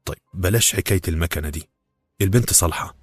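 A man voicing an anxious Cairene housewife who coaxes and apologizes quickly, speaking with an Egyptian accent. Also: sits low, slightly rough, dry recording, faint music behind. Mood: pleading. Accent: Egyptian Arabic. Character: pleading Cairene housewife, anxious to help her family.

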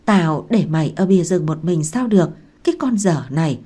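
Gruff scolding old village granny, as a woman reader puts her on. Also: on the low side, lively intonation, a little fast. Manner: scolding, coarse, loud.

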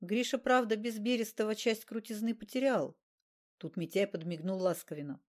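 A woman reading a crime novel aloud with steady, even narration. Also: mid-range voice, moderate pace. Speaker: audiobook narrator. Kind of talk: scripted narration.

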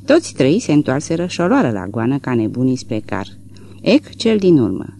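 Expressive audiobook narrator, man. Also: mid-range voice, gravelly, slight background noise. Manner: expressive, rises and falls with the action. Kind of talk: scripted literary narration.

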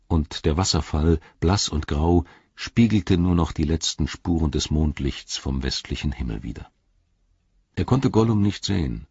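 Brief: low-voiced male audiobook narrator, breathy, dry close sound. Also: darkish tone, dry recording, highs cut off. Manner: measured storytelling. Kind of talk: scripted narration.

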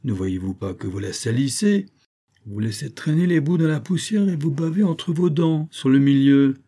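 A man's voice: medium pitch, expressive, moderate pace, warm tone, voice pushed up. A man voicing a sly, wary male cat who teases with mock piety in a storybook reading. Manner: mock-pious, smug and teasing.

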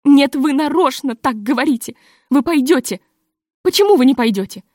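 For an audiobook, a woman voices a nervous, tall, masked society lady who speaks in a halting, hysterical, pleading way. Her voice is a little high, expressive, and mellow, recorded in a clean studio with no room sound.

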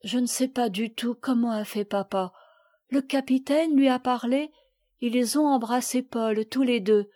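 A woman reading the part of a little girl who sadly recounts a shipwreck, in a gentle, measured voice. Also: a little high, close to an everyday voice. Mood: sad, earnest. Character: little girl recalling a shipwreck, sad and earnest. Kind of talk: audiobook reading.

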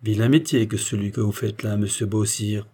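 A man reading the part of a calm, disdainful doctor in an audiobook, speaking in a measured, cool way. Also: on the low side, natural voice.

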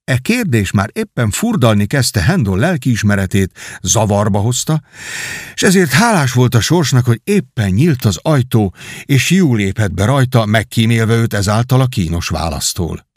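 A man narrating an audiobook in a measured storytelling manner. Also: mid-range voice, big pitch swings, no room sound, clean studio sound.

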